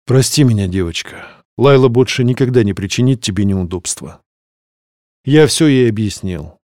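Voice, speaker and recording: A man playing a stern, imperious male demon rector who speaks curtly in a hoarse voice. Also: mid-range voice, animated, normal speed, darkish tone, no room sound, studio quality, close to an everyday voice. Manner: curt, commanding.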